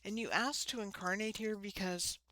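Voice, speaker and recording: A woman with a lisp and slushy s sounds, giving an informal spiritual talk to camera in short, halting phrases. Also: medium pitch, fairly even intonation, sharp tone, slight background noise. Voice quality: lisping, slushy sibilants from ill-fitting dentures. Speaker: host of a spiritual card-reading channel. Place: small room.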